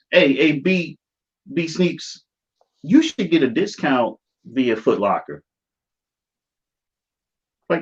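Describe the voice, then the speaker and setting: An American man with a fairly high, slightly rough voice hosts a livestream on his YouTube channel, chatting casually in slang. The stream audio is dull and lo-fi.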